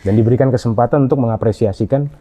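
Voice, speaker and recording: A man answering interview questions in a halting way, with frequent fillers and restarts. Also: medium pitch, warm tone, husky. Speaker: interview guest. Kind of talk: conversational interview. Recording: dull lo-fi audio.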